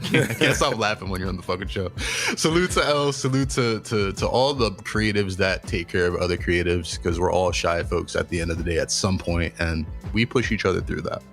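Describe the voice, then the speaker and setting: Young male podcast host, low voice, casual and profane, animated storyteller. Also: a little fast, vocal fry, faint music behind.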